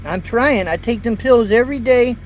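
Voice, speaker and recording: A man in his fifties, a trucker, casually chats with live viewers from his parked cab in a rambling, folksy manner, often repeating words. He has a light, extremely high-pitched voice and keeps a moderate pace. The low-quality recording, from a built-in phone or camera mic, includes faint traffic and road noise.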